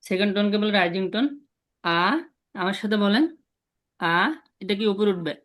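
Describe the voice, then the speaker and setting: A man's voice: high voice, steady tone, a bit bright. Patient man teaching sounds. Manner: patient, repeats sounds slowly for students to copy. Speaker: language teacher. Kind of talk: online language lesson. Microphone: video call.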